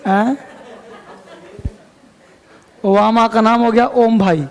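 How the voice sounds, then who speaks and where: Slow, gravelly high-voiced male teacher. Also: steady tone. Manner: chatty, joking, quizzes students. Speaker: English teacher. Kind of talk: classroom lecture. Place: classroom.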